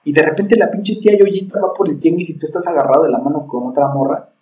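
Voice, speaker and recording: A man's voice: a little high, quick pace, a little mellow, dull audio, a little hiss or hum. A young man with a Mexican accent chatting casually as a podcast co-host, full of slang and swearing. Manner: slangy, profane, acts out imagined dialogue. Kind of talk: casual banter. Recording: roomy, distant mic, music behind.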